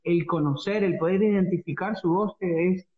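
A man's voice: high-pitched, moderate pace. A man with a Rioplatense Spanish accent co-hosting a devotional radio talk, preachy and repeating phrases for emphasis. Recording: dull radio audio with roomy echo.

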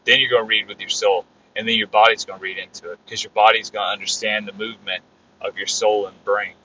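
A man preaching an informal sermon on his own podcast, repeating phrases and rising to loud exclamations. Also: lowish voice, little pitch movement, fast, dull audio, slight background noise.

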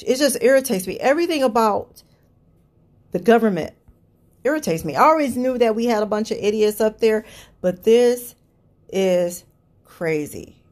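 A woman's voice: fairly high pitch, lively intonation, normal speed, pauses often, a little mellow. A woman hosting her own podcast, ranting bluntly about politics with plenty of swearing and an exasperated manner. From Cleveland area. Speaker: podcast host. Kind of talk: solo political rant podcast.

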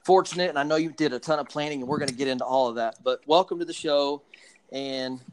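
Guy hosting a chill interview, kinda higher voice, lots of you knows. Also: fast talker, a little hiss or hum. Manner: relaxed, filler-heavy questions. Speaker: host. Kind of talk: casual podcast interview.

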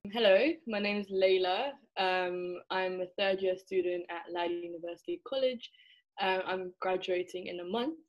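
A woman's voice: lowish voice, normal speed, lo-fi sound. A young woman who grew up in England, a student guest speaking thoughtfully with many fillers and restarts over a remote call. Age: young adult. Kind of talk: casual conversation.

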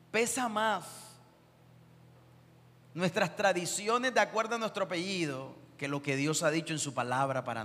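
A man's voice: high voice, fairly bright tone. A man preaching a sermon, direct and exhorting the listeners. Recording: long church reverb.

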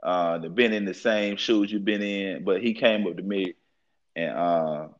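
A young man who coaches football talks through the interview in a very deep, easygoing voice and keeps circling back to the same stock phrases. The sound is a little dull, like a lo-fi recording. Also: a little slow. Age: young adult. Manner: relaxed, repeats fillers like "at the end of the day". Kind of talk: casual interview.

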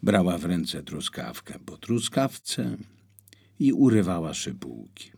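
A man narrating an audiobook with expressive storytelling. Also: slow pace, vocal fry, slightly rough. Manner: expressive storytelling with wide swings in pitch.

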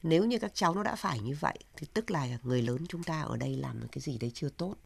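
A woman's voice: deep voice, vocal fry. A middle-aged woman, an education expert on a TV talk panel, speaking earnestly and reflectively. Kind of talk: TV talk show discussion.

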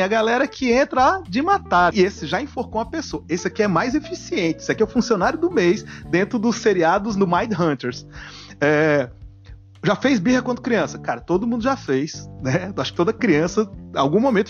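A man's voice: high voice, moderate pace, dull audio, faint music behind. A man in his forties hosting a casual comedic podcast, reacting to guests' stories and joking a lot. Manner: jokey, animated, acts out silly voices. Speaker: podcast host.

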